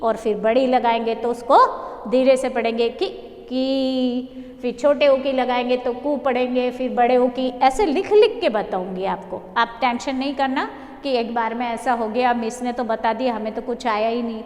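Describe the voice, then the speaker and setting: A teacher drilling Hindi syllables for young children in a reassuring, sing-song way, speaking with an Indian accent. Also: female voice, a little high, moderate pace, a little mellow. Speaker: primary school teacher. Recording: echoey room with long reverb.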